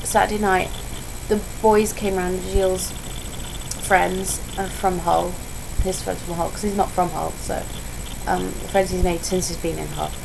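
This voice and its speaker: In a noisy home vlog, an unwell young woman whose voice is failing talks chattily and digressively, breaking off her own thoughts. She speaks unhurriedly in a lowish, gravelly voice with little pitch movement.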